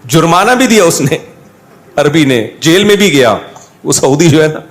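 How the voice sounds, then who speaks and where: A middle-aged man telling anecdotes over a drawing video, animated and acting out other people's lines. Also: fairly high pitch, normal speed. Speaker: drawing channel host.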